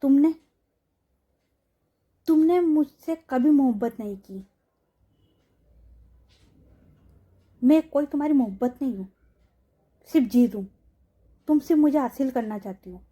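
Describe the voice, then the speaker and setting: A woman voicing a frightened young woman who pleads anxiously, in a high, mellow voice. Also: lively intonation, normal speed, pauses often. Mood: defiant.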